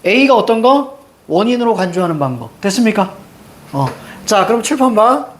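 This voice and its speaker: A man's voice: high-pitched, lively intonation, moderate pace, a little hiss or hum. A man lecturing to a class, drilling students with rhetorical questions and short, emphatic commands. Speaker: Korean reading teacher. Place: classroom with a blackboard.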